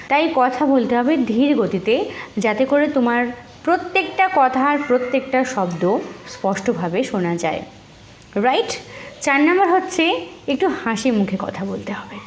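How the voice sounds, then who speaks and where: A woman's voice: high voice, sing-song, normal speed, slight background noise. A woman making a motivational video, counting off tips and asking the listener to agree. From Bengal. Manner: instructive, counts off points, asks "right?". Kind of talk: motivational talk to camera.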